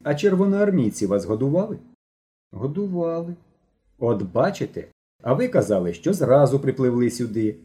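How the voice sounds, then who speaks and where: A male reader voicing a stern teenage boy who lectures two runaways in a lively, raised tone. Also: mid-range voice, normal speed, natural voice. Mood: scolding. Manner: lecturing, indignant. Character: stern teenage boy, troop leader, scolding.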